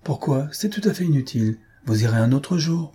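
A man reading aloud, voicing a gentle, quietly stubborn young countess with soft, reserved replies. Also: mid-range voice, expressive, brisk, slightly rough, voice pushed up.

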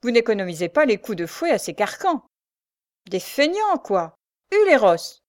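A woman voicing a rough male archer who sneers and teases loudly, reading a storybook. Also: on the high side, sing-song, moderate pace, no room sound, studio quality, pitched above the performer's own voice. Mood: mocking. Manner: sneering, loud teasing.

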